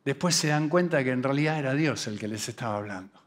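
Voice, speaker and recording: A man with a Rioplatense Spanish accent preaching a sermon at a youth camp. He acts out quoted voices, dropping low and quiet for asides, and slows and rises for emphasis.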